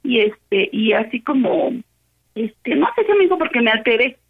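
A high-pitched woman with a Mexican Spanish accent, clearly upset, races through an animated retelling of a quarrel and voices both sides of it. She comes through a narrow, tinny phone line. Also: normal speed. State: upset, agitated. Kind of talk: casual phone chat, retelling an argument.

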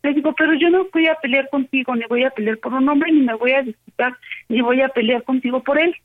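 A high-pitched woman with a Mexican Spanish accent, clearly upset, races through an animated retelling of a quarrel and voices both sides of it. She comes through a narrow, tinny phone line. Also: brisk. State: upset, agitated. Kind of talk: casual phone chat, retelling an argument.

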